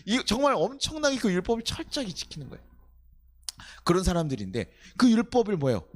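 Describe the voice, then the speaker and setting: A male pastor delivers an animated sermon at a night worship service. His fairly high voice swings widely in pitch and races along. He keeps drawing the congregation in with rhetorical questions. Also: fast. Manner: acts out quoted voices in short snaps.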